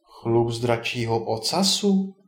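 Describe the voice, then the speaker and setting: Man doing a shy lovesick dwarf, slow wondering lines, mid-pitched, roomy echo. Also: lightly acted. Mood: puzzled. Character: lovesick young male dwarf, timid and puzzled.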